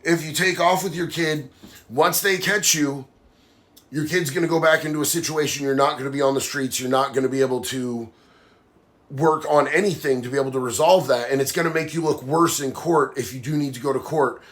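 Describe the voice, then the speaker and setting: A livestream host, nasal from a sinus infection, reads viewer comments and responds bluntly and heatedly, saying "bro" a lot. He speaks in a mid-range voice at a moderate pace.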